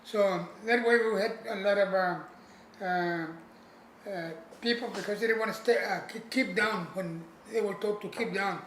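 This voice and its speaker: A war veteran over 80 recalls his service in an informal oral-history interview, speaking plainly and haltingly. He repeats himself and pauses as he searches for words, his voice sitting high with a fairly bright tone. The room is echoey, with faint background noise.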